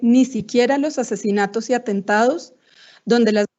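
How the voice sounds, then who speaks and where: A woman's warm, muffled voice breaking up over a choppy video call, her words cutting in and out as she presents formally and with measured pauses. The connection drops syllables and the sound is dull and low-fidelity. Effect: choppy, breaking-up video call audio. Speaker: webinar presenter. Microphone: computer mic on a video call.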